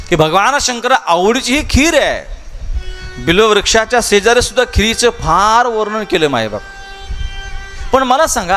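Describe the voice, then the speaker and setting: Impassioned high-voiced Marathi preacher. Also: male voice, fairly bright tone. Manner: impassioned, rhetorical questions to the crowd, repeats phrases, calls listeners maybap. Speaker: kirtan preacher telling the Shiv Mahapuran katha. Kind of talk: devotional katha sermon. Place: large public gathering at a festival.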